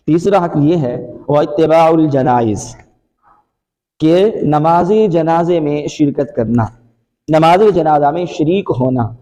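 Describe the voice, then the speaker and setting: Male preacher, mellow high-ish voice, slow deliberate sermon, long hall echo. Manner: measured, drawn-out emphasis with Arabic recitation. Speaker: mufti preacher. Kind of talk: religious sermon.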